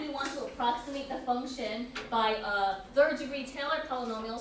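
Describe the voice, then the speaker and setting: A woman's voice: sits high, a bit bright. Woman teaching math in a classroom, walks through each step, lots of "okay", mic far off, big echo. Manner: explains step by step, says "okay" often. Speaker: college calculus instructor. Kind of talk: classroom lecture. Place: lecture classroom. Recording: echoey room, distant mic, noise.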